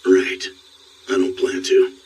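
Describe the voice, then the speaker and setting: A man voicing a grim, armored male monster hunter in an anime English dub, speaking in terse, flat, clipped replies. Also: slow pace, slight background noise, lightly acted. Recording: distant voice under loud score.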